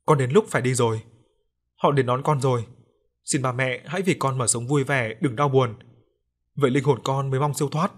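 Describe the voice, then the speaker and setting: A man's voice: mid-range voice, brisk, natural voice. A man voicing the ghost of a young woman, speaking sorrowfully through a medium. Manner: sorrowful, apologetic.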